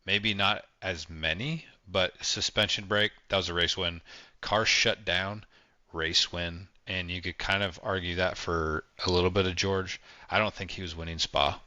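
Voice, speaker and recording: A man with a very deep yet bright, cutting voice chats on a podcast. He states his views bluntly and with emphasis. The sound is dry, with no room around it. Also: fairly even intonation, a little slow, no echo. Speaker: podcast co-host. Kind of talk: casual chat.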